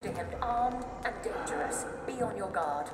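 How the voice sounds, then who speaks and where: A woman playing a calm facility announcer, speaking formal warnings to staff over a loudspeaker. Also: mid-range voice, unhurried, heavy background noise. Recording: echoey, distant loudspeaker with loud music.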